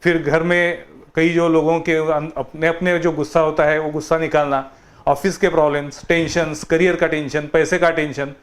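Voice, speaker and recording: Male TV interviewer, slightly high. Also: flat delivery, moderate pace. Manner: conversational, asks long listing questions. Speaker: TV interview host. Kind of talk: TV interview questioning.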